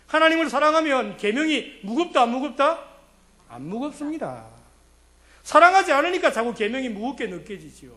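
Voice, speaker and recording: A man's voice: extremely high pitch, bright, forceful tone. A male pastor preaching a sermon, telling a story and asking the congregation rhetorical questions.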